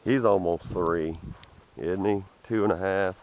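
A man with a Southern US accent, talking excitedly to viewers while fishing from a creek bank, recorded on a head-mounted camera. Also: low voice, unhurried, vocal fry, a little hiss or hum. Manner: excitable, exclaiming over catches, talking to viewers. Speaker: fishing vlogger. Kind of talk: casual outdoor commentary while fishing.

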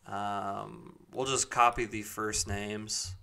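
A man giving a casual step-by-step software tutorial in an informal way, thinking aloud as he goes. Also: fairly low pitch, level tone, takes it slowly, gravelly. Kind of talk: casual screen-recorded spreadsheet tutorial.

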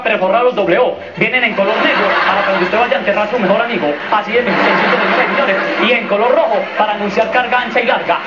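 A man's voice: high voice, natural voice. A Colombian man performing a brash snake-oil street peddler's comic patter, rattling off sales lines and catchphrases, in a re-recording from a TV screen. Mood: boastful, selling. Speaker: comedian performing on a TV talent show. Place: TV studio stage, re-filmed off a television. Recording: noisy muffled echoey re-recording from a TV screen.

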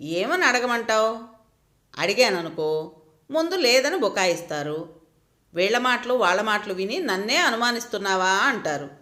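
A woman voicing a hurt but composed married woman who talks through her husband's affair calmly. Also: mid-range voice, moderate pace, long pauses, echoey room. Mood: resigned. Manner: calm, reasoning, resigned.

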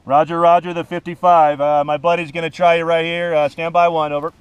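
Fairly high-pitched and flat, the man talks fairly quickly in a clear, resonant voice, and the recording is dry. He's filming an outdoor vlog with an action camera on a snowy mountain peak, making ham radio calls. His manner as host and amateur radio operator is relaxed and full of slang.

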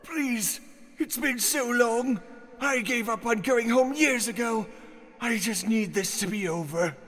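A man voicing a weary, bitter old male hedgehog with a long gray beard in a fan audio drama, speaking in a drawn-out, tired way that slips into pleading. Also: extremely high pitch, a bit bright, long reverb tail, exaggerated voice.

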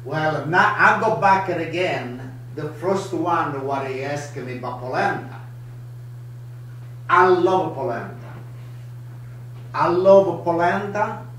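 An older man in his seventies with an Italian accent, hosting a live home cooking show in broken, animated English. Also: fairly high pitch, slow pace, pauses often, recorded from a distance, a little hiss or hum. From Italy. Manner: broken English, lively, gestures a lot. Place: home kitchen, indoors. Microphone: camera across the counter. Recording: echoey kitchen, voice from afar.

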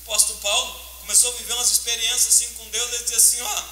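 A male pastor preaching a fervent, emotional sermon, swinging between loud outbursts and soft, hushed passages. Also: very high voice. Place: church sanctuary. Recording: roomy church echo, faint hiss.

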